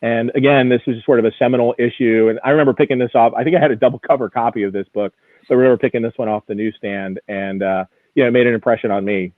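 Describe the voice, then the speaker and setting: A very fast-talking man with a medium-pitched voice and fairly even intonation previews collectibles on a live show, offering chatty, enthusiastic expertise as a guest from an auction house where he's an executive. The sound has no echo and comes through narrow and phone-like, like radio.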